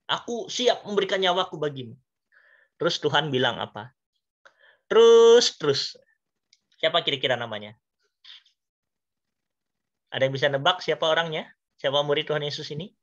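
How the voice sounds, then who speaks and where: Lively man preaching to youth, lo-fi. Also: fairly high pitch, brisk, long pauses. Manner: lively storytelling, acts out dialogue, asks the audience questions. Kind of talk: youth sermon. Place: church. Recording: dull lo-fi sound.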